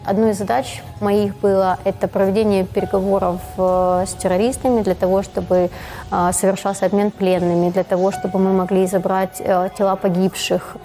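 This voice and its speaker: A woman psychologist speaking in a documentary interview, calm and matter-of-fact, with hesitant fillers. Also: medium pitch, fairly quick. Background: music.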